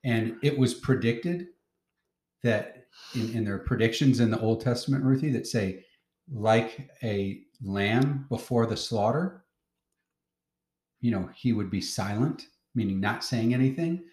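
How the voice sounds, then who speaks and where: A man's voice: mid-range voice, normal speed, a little mellow, reverberant. A man teaching a Bible lesson to a child, patiently asking questions and explaining as he reads.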